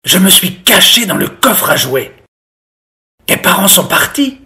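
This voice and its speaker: A reader voicing a friendly, playful wolf in a children's story, speaking softly and coaxingly. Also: medium pitch, very animated, unhurried. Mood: gentle. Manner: soft and coaxing.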